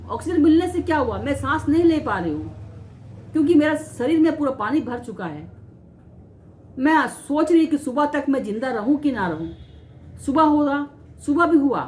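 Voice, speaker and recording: A woman vlogger telling a personal story to camera, aggrieved and halting, often repeating and restarting words. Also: sits high, slight background noise. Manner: aggrieved, recounting mistreatment.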